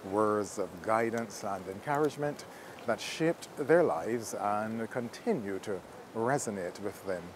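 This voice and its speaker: A man narrating a documentary in a measured, formal, scripted way. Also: on the low side, a little hiss or hum, rough recording.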